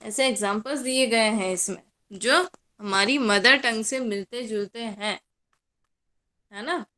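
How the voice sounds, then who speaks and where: A woman's voice: on the high side, a little slow, bright, forceful tone. A young woman college lecturer with a Hindi accent, teaching a class in a mix of Hindi and English and answering her own questions.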